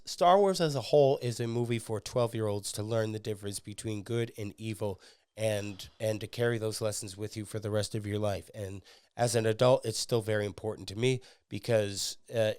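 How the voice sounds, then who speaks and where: A man hosting a podcast, giving excitable, swearing fan commentary with lots of fillers. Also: lowish voice, clean tone, dry recording, clean studio sound. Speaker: podcast host.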